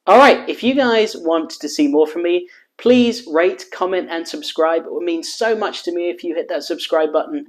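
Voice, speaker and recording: A man hosting a cooking vlog, walking through a burger recipe in calm voice-over and then tasting it on camera with loud, joking enthusiasm. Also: on the high side. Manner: energetic and jokey, exclaims while tasting; calm, steady instruction in voice-over. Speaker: cooking show host.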